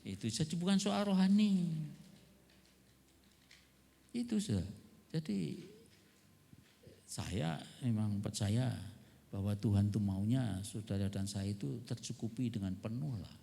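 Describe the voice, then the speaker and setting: A man's voice: on the low side, unhurried, creaky, pauses often, dark tone, in a large hall. A male pastor preaching a conversational sermon at a church seminar, full of rhetorical questions.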